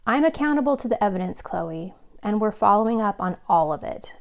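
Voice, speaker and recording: A woman voicing a calm, serious male police chief in an audiobook, speaking steadily, earnestly and kindly. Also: medium pitch, a little fast, lightly acted. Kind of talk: audiobook character reading.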